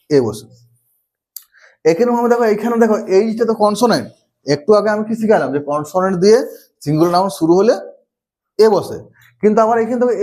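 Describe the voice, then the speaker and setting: Grammar teacher, male, high voice, drills rules with questions he answers himself. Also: a little mellow. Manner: asks the class questions and answers them himself, repeats key rules. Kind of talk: classroom-style lesson.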